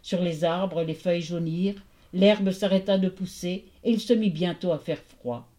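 A woman narrating a myth as a storybook reading, expressive and measured. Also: fairly low pitch.

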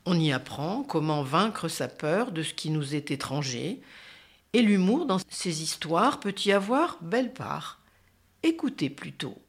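A woman presents in a lowish voice with calm, measured scripted narration. She speaks at an even, unhurried pace. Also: breathy edge.

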